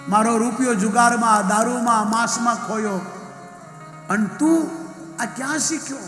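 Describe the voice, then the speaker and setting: A distraught old father pours out his grief in a high, bright voice, as a preacher puts him on. The lament rings through an echoey hall with faint music behind it. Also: normal speed. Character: elderly grieving father, pious and distraught.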